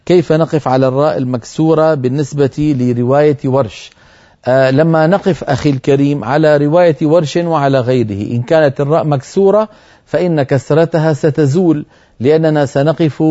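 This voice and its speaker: A man teaching Quran recitation on a TV program, answering viewer questions firmly and reciting verses slowly to demonstrate. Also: on the high side, warm tone, muffled recording.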